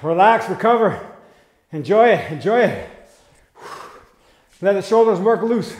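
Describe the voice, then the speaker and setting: A man's voice: high-pitched, expressive, a little slow, a little mellow. A middle-aged man coaching a guided boxing workout with short cues and casual encouragement while exerting himself. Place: small bare concrete-block garage gym. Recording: roomy echo, some background noise.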